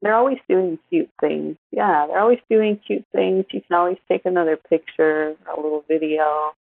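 A woman's voice: fairly low pitch, normal speed, creaky, no room sound. A woman co-hosting a podcast, chatting casually and laughing easily. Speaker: podcast co-host. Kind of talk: casual chat. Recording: tinny phone-like line.

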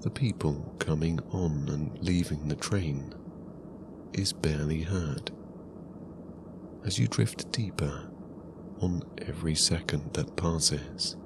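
A man narrating a guided sleep story in a calm, soothing, hushed voice with long pauses. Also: very deep voice, background noise.

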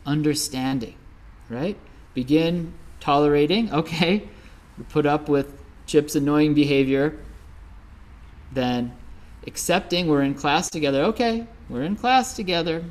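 A man's voice: fairly high pitch, a little slow, pauses often, a little mellow. A middle-aged Midwestern man giving a Buddhist dharma talk as a teacher, telling stories conversationally with many fillers. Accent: Midwestern American.

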